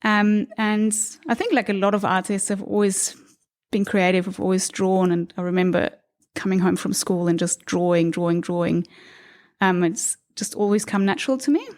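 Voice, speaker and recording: A woman from Austria in her thirties speaks reflectively as a podcast guest in a relaxed conversational interview recorded indoors in an apartment, laughing lightly now and then. Her medium-pitched voice is steady and a little mellow, at normal speed.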